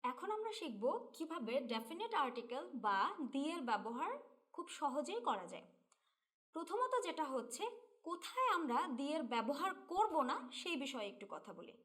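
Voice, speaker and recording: A woman's voice: high voice, very animated, moderate pace, a bit bright. A woman teacher with a Bangladeshi Bengali accent gives a grammar lesson, patiently explaining step by step and asking her students questions. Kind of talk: classroom-style grammar lesson.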